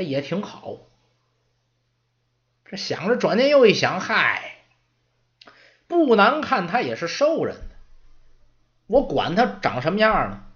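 Lively male storyteller. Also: a little high, muffled recording. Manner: chatty, lively asides. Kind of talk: pingshu-style storytelling.

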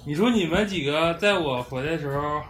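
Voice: mid-range voice, a little fast, over music. A person with a Northeastern Chinese accent, chatting and joking casually in slangy dialect. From Northeast China.

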